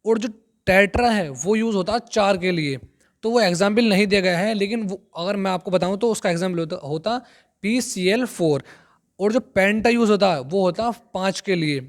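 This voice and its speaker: High-voiced man teaching chemistry. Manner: explains step by step, repeats key terms, reads English lines slowly; addresses viewers as friends. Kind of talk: classroom lecture.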